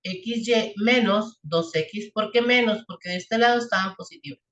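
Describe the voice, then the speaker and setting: A woman's voice: medium pitch, normal speed, a bit bright, dull audio. Woman teacher, patient step-by-step explaining, echoey room. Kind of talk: classroom math and physics lesson.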